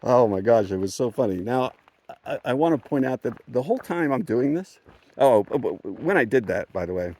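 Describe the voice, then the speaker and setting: This thru-hiker's voice sits in the mid range, mellow and expressive, at a normal speed. Out on a mountain trail for his hiking vlog, he rambles through a casual story, chuckling, self-correcting, and restarting frequently.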